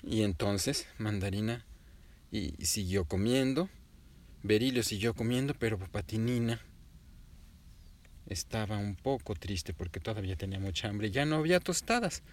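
A man telling a child an improvised bedtime story, gently and animatedly addressing the listener. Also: lowish voice, normal speed.

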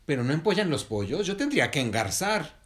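A man's voice: huge pitch swings, slow pace, a little mellow, heavily acted. A man voicing a confused, flustered female heron who is about to lay an egg, in a storybook tale told at home. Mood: puzzled. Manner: high squeaky exclamations, bewildered.

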